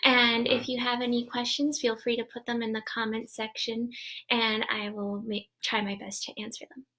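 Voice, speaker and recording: A woman's voice: on the high side, flat delivery, normal speed, sharp tone. A young woman from New Jersey, a ballet dancer, talking casually and chattily on her own live stream, with frequent ums and repeated words. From New Jersey, USA. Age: young adult.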